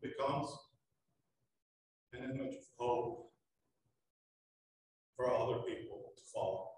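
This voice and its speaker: Pastor guy preaching slow and deliberate, sounds far off in a big echoey church. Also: medium pitch, a little mellow. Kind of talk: sermon. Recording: very echoey hall, voice from a distance.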